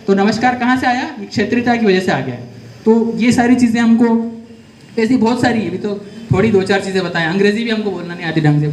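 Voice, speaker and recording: A man's voice: high-pitched, a little mellow. A man with a Malwa Rajasthani accent giving a career guidance lecture in a classroom, quizzing students and repeating words to correct them. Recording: echoey room with faint noise.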